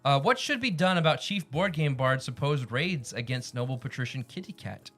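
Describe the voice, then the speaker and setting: A man's voice: mid-range voice, expressive, normal speed, a bit bright. A man hosting a game stream, chatting casually with players, with music behind him.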